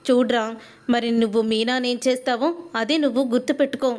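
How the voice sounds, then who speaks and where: A woman's voice: on the high side, fairly even intonation, a little fast, a little mellow, natural voice. A woman voicing a spiteful, scheming mother-in-law in a serial recap, her delivery insistent and needling.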